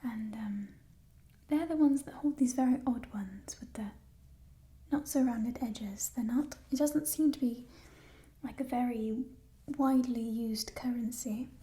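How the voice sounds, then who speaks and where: A woman in a whispered role-play as a playful, chatty thief, musing hesitantly in a burglar's hushed whisper over stolen treasure. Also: fairly high pitch, a little slow, close to an everyday voice. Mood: curious, sly. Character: playful, chatty female thief showing off stolen coins in a fantasy world.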